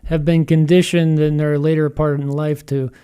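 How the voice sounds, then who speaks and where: A man's voice: fairly high pitch, flat delivery, normal speed, mellow, clear, resonant tone. A man hosting a podcast interview, asking hesitant, roundabout questions with frequent restarts. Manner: hesitant, many fillers and restarts. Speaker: podcast host. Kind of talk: casual interview.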